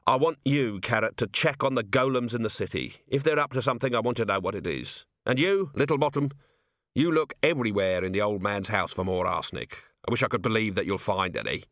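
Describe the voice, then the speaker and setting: A man voicing a tired, irritable middle-aged police commander in a gruff, weary voice. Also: lowish voice, expressive, brisk, fairly bright tone, no room sound, studio quality. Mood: weary, sardonic.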